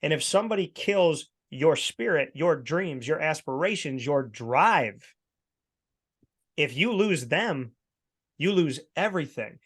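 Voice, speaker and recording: A man's voice: a little high, expressive, slow, a bit bright, slightly rough. A man in his thirties co-hosting a podcast, talking in an emphatic, preachy storytelling way. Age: 30s. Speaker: podcast co-host. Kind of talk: casual chat.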